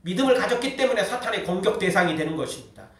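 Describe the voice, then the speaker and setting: Male pastor preaching with emphatic, animated delivery; very reverberant hall recording. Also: high voice, very fast. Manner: emphatic, keeps dropping in a short "yes" between phrases. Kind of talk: sermon. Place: church sanctuary. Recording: very echoey hall, distant mic.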